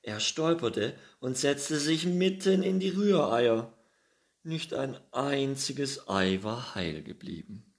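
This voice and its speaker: Deep, slow storybook reader man. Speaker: narrator. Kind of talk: storybook read-aloud.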